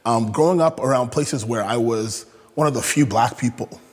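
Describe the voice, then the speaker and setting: In an echoey, long-reverb room, a young man from Canada speaks as an interview guest at normal speed and medium pitch. He comes across as pensive and unsure, restarting often and using many fillers.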